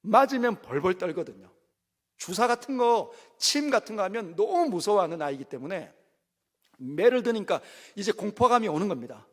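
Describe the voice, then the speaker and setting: A middle-aged pastor with a high, animated voice, preaching a sermon. He lurches from ringing exclamations to quiet, low asides. His voice trails into a long church reverb. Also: moderate pace. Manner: dramatic, swings between loud exclamations and hushed low asides. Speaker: senior pastor. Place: church sanctuary.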